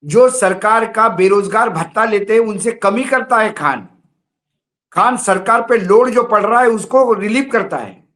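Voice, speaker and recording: A man's voice: high voice, animated, a little slow, a bit bright. A man commenting on politics in a studio discussion, heated and rhetorical, repeating his points.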